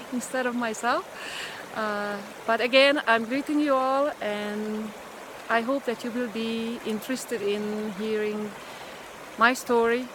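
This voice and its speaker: A woman vlogs by a rushing river, holding her camera or phone at arm's length and speaking slightly high-pitched, non-native English with a Hungarian accent. She stumbles along hesitantly with frequent pauses and fillers as the water roars.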